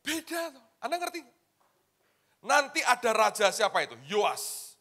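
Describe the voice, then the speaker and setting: A male pastor preaching a sermon in a colloquial, dramatic way, swinging between loud shouts and hushed asides and often addressing the congregation. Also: very high voice, very animated, unhurried.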